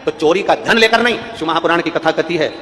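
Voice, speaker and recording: Fervent man preaching, high and fast. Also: sharp tone, big-room sound, a little hiss or hum. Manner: fervent, repetitive exhortation with sung verses. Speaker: religious storyteller. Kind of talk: devotional scripture sermon.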